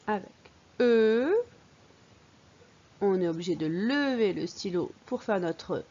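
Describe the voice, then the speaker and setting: Slow, patient woman teaching reading. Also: medium pitch, darkish tone. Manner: patient, sounding out syllables clearly. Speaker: primary school teacher. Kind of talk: slow reading lesson for young children. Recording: dull lo-fi recording.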